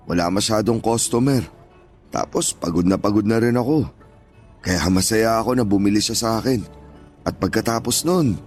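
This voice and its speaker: In a Tagalog audio drama, an actor with a Filipino accent plays a kind, hardworking older father who once sold goods on the street. His mid-range, slightly dark voice is lightly acted, plain-spoken and reassuring, with music playing underneath.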